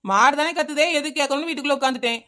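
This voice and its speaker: A cheeky, stubborn village neighbour, played by a woman talks back with mocking Kanyakumari Tamil banter. Her voice is high and bright. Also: racing. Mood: sassy. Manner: sassy backtalk, mocking.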